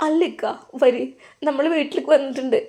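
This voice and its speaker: A warm, motherly wife from a spoken storybook, as a woman narrator puts her on. She coaxes and pleads in a Malappuram Malayalam accent. Her voice sits rather high. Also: steady tone, fairly quick, creaky. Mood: urgent. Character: kind middle-aged mother, teacher's wife.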